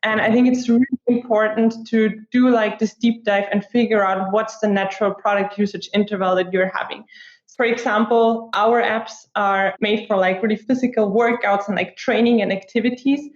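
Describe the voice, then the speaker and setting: A woman's voice: medium pitch, steady tone, moderate pace. A woman in her twenties from Austria, a guest in a casual interview, chatty and full of "like" fillers. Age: 20s. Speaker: guest, product marketer. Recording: echoey room, dull lo-fi sound.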